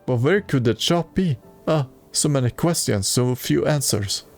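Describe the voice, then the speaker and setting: A man's voice: mid-range voice, expressive, measured pace, faint music behind. A man streaming a video game and reading its dialogue aloud in a plain way, with occasional stumbles.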